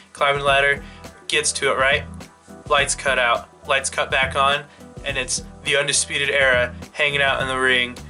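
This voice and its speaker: A man hosting his own wrestling fan channel loosely talks through a storyline idea in a casual fantasy-booking monologue, full of "you know" and "like." His voice is fairly high-pitched with a sharp tone.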